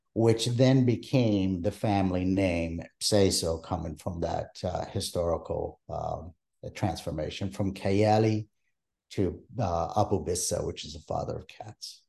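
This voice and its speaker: An older man from Palestine, answering oral history interview questions in a measured way with many hesitations. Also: low voice, creaky, mellow. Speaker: interviewee, archive creator.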